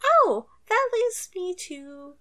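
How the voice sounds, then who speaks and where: A woman's voice: extremely high pitch, big pitch swings, takes it slowly, sharp tone. A woman game master chatting casually about tabletop games, rambling with lots of fillers and frequent laughs.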